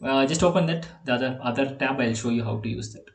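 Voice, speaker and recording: A young man from India teaches coding online in a relaxed session, his Indian accent reflecting his native Telugu. He talks fast in a medium pitch yet sounds hesitant, filling the echoey video call with fillers and restarts.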